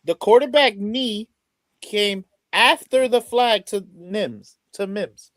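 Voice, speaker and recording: A man co-hosting a sports podcast in casual chat, indignant and rapid with his questions. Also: high voice, fairly bright tone, no echo. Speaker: podcast co-host.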